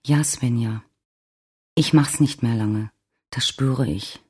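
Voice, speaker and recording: A reader voicing a gravely ill older man who speaks tiredly and quietly in an audiobook. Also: medium pitch, slow pace. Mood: weary, tender.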